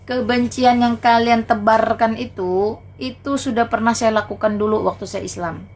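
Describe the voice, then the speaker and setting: A woman's voice: fairly high pitch, fairly even intonation, moderate pace, a little mellow. A woman hosting a livestream who preaches combatively, mocks and taunts her viewers, and repeats phrases to hammer her point home. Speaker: livestream host.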